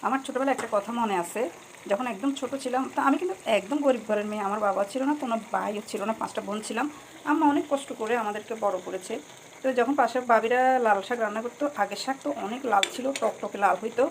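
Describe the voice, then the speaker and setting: A woman's voice: on the high side, fast talker. A middle-aged woman chatting casually to her viewers while she cooks at home, confiding and familiar. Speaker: cooking vlogger. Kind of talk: casual chat while cooking. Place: home kitchen. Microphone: phone camera. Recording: faint kitchen noise. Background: frying and sizzling on the stove.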